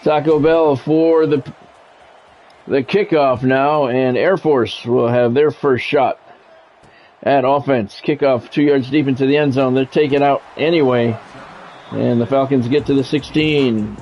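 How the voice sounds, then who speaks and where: With a medium-pitched, steady, darkish voice and an unhurried pace, an American man calls a football video game live for his stream. He uses short radio-style sportscaster phrases and casual chat with viewers. A dull lo-fi mic adds a little hiss or hum, and music plays behind.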